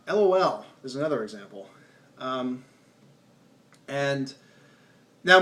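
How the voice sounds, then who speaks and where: A man giving a casual spoken film commentary, rambling, restarting his sentences, and trailing off into low mumbles at the ends of phrases. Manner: rambling, with many restarts and ums. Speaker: film review vlogger.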